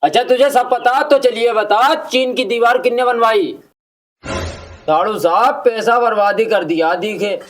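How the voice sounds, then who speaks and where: A man's voice: extremely high pitch, unhurried, slight background noise. A man playing a crude mocking uncle. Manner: mocking, crude, theatrical scolding. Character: foul-mouthed meddling uncle, boastful and teasing. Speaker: comedy sketch actor.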